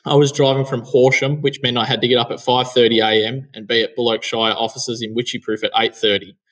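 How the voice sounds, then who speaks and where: A young Australian man hosts a casual chat over a video call from an indoor office room, reading parts from a script. Heard through a headset, his mid-range, fairly bright voice is a little fast with little pitch movement, and the audio is poor.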